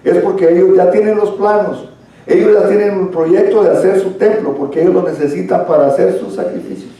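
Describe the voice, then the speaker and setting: A man's voice: sits high, brisk, dark tone. A man leading a church Bible study lesson, explaining at length and addressing listeners as brother, recorded from a distance in a church hall. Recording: echoey room, far from mic.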